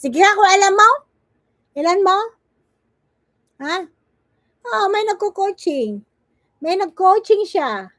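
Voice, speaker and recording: A woman's voice: extremely high pitch, expressive, slow, pauses often, a bit bright, no room sound. A woman vlogger giving mocking reaction commentary, teasing and scolding as she keeps asking her target "okay?" and "ha?". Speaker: vlogger reacting to another streamer.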